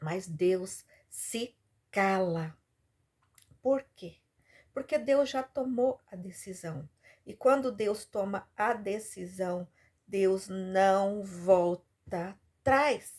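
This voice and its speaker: A woman preacher delivers a sermon as a dramatic story. Her voice leaps and falls with emotion, with repeated phrases and sudden bursts of loudness. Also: mid-range voice, slow pace.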